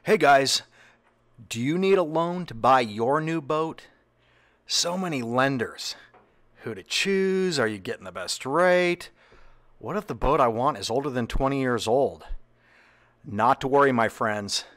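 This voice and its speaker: Upbeat man reading a sponsor pitch. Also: animated, a little slow, fairly bright tone. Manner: upbeat, playful salesman pitch. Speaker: yacht broker and channel host. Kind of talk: scripted sponsor read. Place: voice-over.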